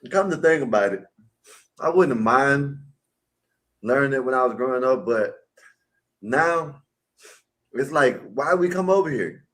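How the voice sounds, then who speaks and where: Mid-pitched guy on a livestream panel, blunt and ranting, swears plenty. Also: animated, a little slow, pauses often, fairly bright tone, low-quality recording. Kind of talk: casual livestream panel chat. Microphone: home mic on a video call.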